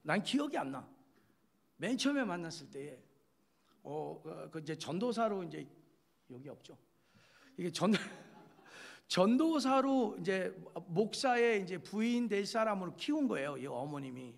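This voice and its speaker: A man's voice: high-pitched, big pitch swings, unhurried, creaky. A male pastor giving a chatty, joking sermon, speaking straight to his listeners and acting out little quoted scenes.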